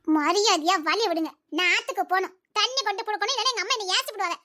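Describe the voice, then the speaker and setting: A woman voicing a gentle, sorrowful young village girl who pleads tearfully. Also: extremely high pitch, very fast. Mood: pleading sad.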